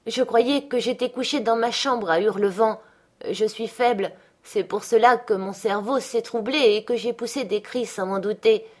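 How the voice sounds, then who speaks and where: A woman's voice: a little high, moderate pace, darkish tone, natural voice. A woman voicing a delirious, frightened young woman in an audiobook, anxious and pleading. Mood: shaken, pleading. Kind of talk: audiobook character reading.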